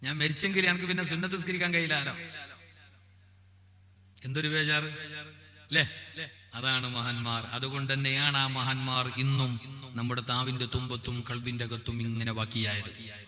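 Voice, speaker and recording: A male Islamic preacher, delivering a sermon in a melodic sing-song chant that drops to quiet asides. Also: mid-range voice, level tone, normal speed, pauses often. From Kerala. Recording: reverberant hall with long echo.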